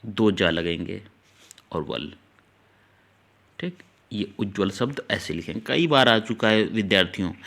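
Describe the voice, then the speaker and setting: A male teacher taking students through an exam-prep grammar lesson, explaining each answer step by step and slowly repeating key words. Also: lowish voice, a bit bright. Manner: talks directly to students, urging them to note things down.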